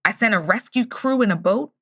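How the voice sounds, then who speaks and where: A woman's voice: medium pitch, fairly quick, close to an everyday voice. A woman voicing God in heaven, speaking in a matter-of-fact manner.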